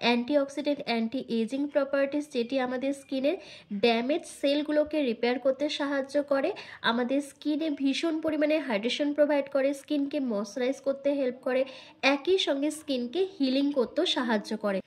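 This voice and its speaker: Hoarse woman, Bengali accent from India, high voice, rapid instructive skincare vlog talk. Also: a little mellow. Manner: brisk, instructive, addresses viewers directly. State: hoarse from illness. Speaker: beauty vlogger. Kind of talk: skincare tutorial voice-over.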